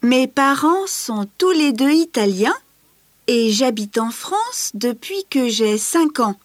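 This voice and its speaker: A woman playing a lively trilingual teenage girl who dreams of acting, speaking slowly and clearly for a language course. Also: high-pitched, no room sound, clean studio sound, heavily acted. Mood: chatty. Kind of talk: scripted language-course recording.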